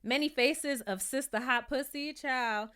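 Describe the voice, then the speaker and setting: A woman's voice: sits high, unhurried, a bit bright, smooth. A woman in her thirties with a New York accent, chatting candidly as she reviews a TV show and laughing easily. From New York City. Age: 30s. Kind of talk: casual review chat.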